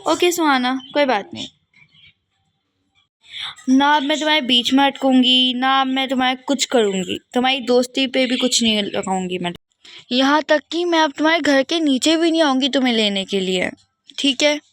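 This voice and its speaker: A woman voicing a young female classmate who is pleading and persistent, talking in a soft, earnest way in a doll game role-play. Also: sits high, moderate pace. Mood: resigned.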